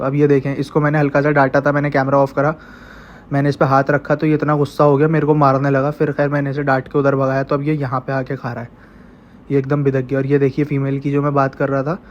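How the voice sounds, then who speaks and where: A man's voice: medium pitch, monotone, fairly quick, highs cut off, slight background noise. A man with a stuffy, congested voice narrates a casual vlog while feeding his goats and chickens, coaxing the animals as he goes. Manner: chatty, coaxing the animals directly. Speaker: vlogger raising goats and chickens at home.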